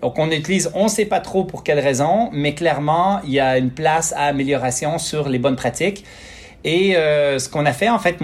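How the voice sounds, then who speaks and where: Rambling Québécois man, slightly high voice. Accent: Québécois French. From Quebec, Canada. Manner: rambling, many fillers and restarts, self-deprecating. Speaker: guest, physiotherapist and clinic founder. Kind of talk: casual storytelling interview.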